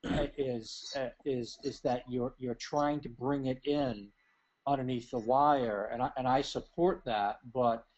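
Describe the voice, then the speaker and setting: A man giving feedback as an academic thesis advisor, measured and halting, repeating phrases for emphasis. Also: mid-range voice, fairly even intonation, a little mellow. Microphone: remote call. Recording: dull call audio with noticeable noise.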